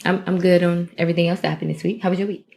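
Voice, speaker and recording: A relaxed, chatty woman co-host who talks in easy slang. Her voice sits a bit low. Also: racing, vocal fry. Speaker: podcast co-host. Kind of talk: casual chat.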